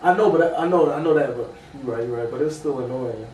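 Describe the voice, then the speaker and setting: A young man in his twenties co-hosting a podcast, jumping in with quick slangy reactions in casual chat. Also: medium pitch, a little mellow, recorded from a distance. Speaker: podcast co-host. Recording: roomy sound, off-mic, faint noise.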